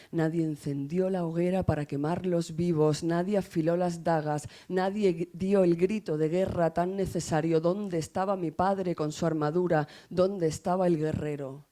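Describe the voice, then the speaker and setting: A woman from Spain reading her own poetry aloud in a measured, grave and intimate way, with a Spanish accent from Spain. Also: sits low, mellow. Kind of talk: poetry recitation.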